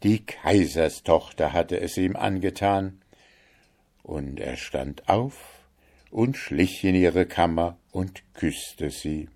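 A man reading a fairy tale aloud in a measured storytelling manner. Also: low-pitched, darkish tone.

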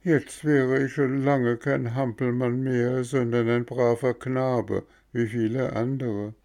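A man's voice: flat delivery, slow, darkish tone. A man doing a wailing puppet boy. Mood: pleading. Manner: whiny and pleading, voice raised high.

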